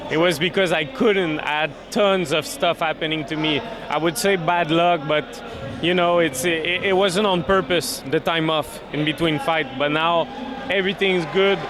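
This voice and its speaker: This MMA fighter, a Québécois native French speaker from Quebec, Canada, answers post-fight interview questions in relaxed, self-assured English. His fairly high voice holds a steady tone at normal speed over crowd noise and clear city sounds.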